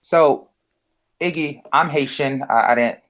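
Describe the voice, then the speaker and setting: An American podcast co-host with a somewhat high, slightly bright voice talks unhurriedly on a casual discussion show. He sounds hesitant, with frequent ums, fillers, and restarts.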